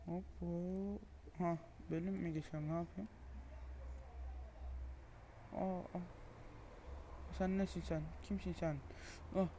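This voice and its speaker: A young man giving frustrated gameplay commentary, swearing, groaning and shouting in exasperation as he plays. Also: high-pitched, steady tone, takes it slowly, long pauses, slight background noise. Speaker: gaming video creator.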